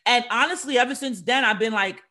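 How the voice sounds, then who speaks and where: A woman from the Bronx hosting a casual interview, animated and chatty. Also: on the high side, a little fast. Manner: animated, chatty, says y'all and dope. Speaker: host.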